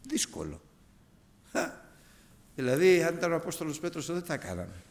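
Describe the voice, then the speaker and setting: A man in his fifties preaching a sermon to his congregation, animated and emphatic. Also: fairly high pitch, vocal fry. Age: 50s. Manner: animated, emphatic, addresses brethren. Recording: hall reverb.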